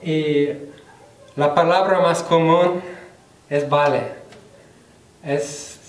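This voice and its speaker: A young man presents to his class, speaking slowly and carefully with frequent pauses. His voice sits a little high. The recording is roomy and echoey, with the mic some distance from him. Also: steady tone. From United States. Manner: slow, careful learner's delivery with pauses. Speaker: student presenter. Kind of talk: class presentation on Spanish slang.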